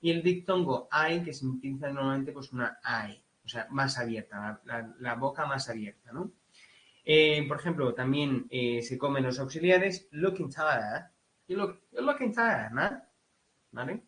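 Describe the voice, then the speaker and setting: Spanish-accented male tutor, informal lecture, lots of fillers, average pitch. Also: normal speed, a bit bright, poor audio. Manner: casual, many fillers, mimics English accents. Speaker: teacher.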